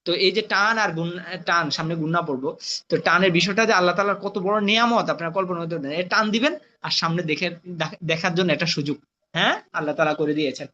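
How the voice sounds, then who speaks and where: A man teaching Arabic letter reading, spelling out syllables slowly and often checking with his students. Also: high voice, bright, forceful tone. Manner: slow drawn-out syllables, frequent checking "right?". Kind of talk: spelling-out recitation lesson. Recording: muffled lo-fi sound.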